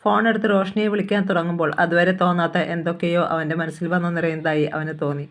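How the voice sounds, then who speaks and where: A narrator reading a novel aloud in an even, measured storytelling manner. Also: mid-range voice.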